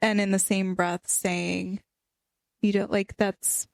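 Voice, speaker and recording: A woman's voice: medium pitch, level tone, slow pace, creaky, no echo. A woman co-hosting a podcast in casual chat, with a blunt, dramatic way of retelling. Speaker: podcast co-host.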